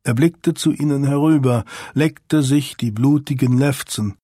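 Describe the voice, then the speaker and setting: A man reading an audiobook thriller in a measured, calm narration. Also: medium pitch, dry recording, clean studio sound. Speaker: audiobook reader.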